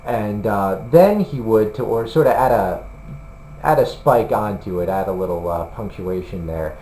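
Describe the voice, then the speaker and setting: A man's voice: on the low side, lively intonation, normal speed, dark tone. A man video blogging for a combat sports site, talking casually to the camera in a rambling, hesitant way with lots of fillers. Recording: roomy room with faint hum.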